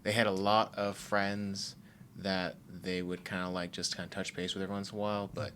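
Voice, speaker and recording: Man, very low voice, casual podcast chat, rambling with fillers, faint background noise. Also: flat delivery, a little fast, fairly bright tone. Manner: rambling, thoughtful, many fillers. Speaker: podcast co-host.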